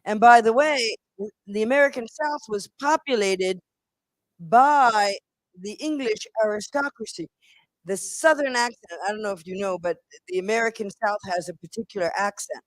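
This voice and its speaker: A middle-aged woman professor giving an academic lecture, deliberate, repeating words and restarting phrases, asking the audience questions and answering them herself. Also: medium pitch, dry recording, poor audio.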